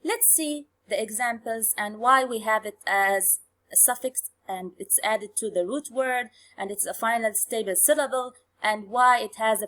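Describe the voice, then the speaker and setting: A woman teaching English phonics in a bilingual lesson. She explains slowly and repeats key terms. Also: on the high side, a bit bright. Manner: slow, repetitive explanation, switching to quick colloquial Arabic recaps.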